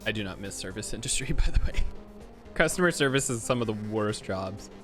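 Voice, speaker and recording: A man's voice: fairly low pitch, lively intonation, a little fast, fairly bright tone, faint music behind. A man giving casual gaming commentary as a streamer, informal, rambling and sweary. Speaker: video game streamer.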